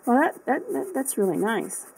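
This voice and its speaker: Lady vlogger unboxing art stuff, kinda high voice, rambly, lots of ums and restarts. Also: sing-song, moderate pace, darkish tone, breathy edge, rough recording. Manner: rambling, thinks aloud with many fillers and restarts. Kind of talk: casual unboxing chat.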